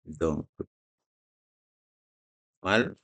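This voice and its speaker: A man teaching a live reading lesson, explaining slowly and patiently with repeated examples. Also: rumbling low, a bit bright.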